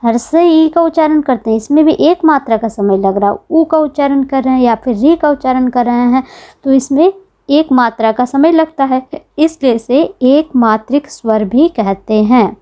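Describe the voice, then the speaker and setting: A woman's voice: high-pitched, moderate pace, mellow, muffled recording. A woman teaching an exam-prep grammar lesson, patiently repeating key points and asking the class questions.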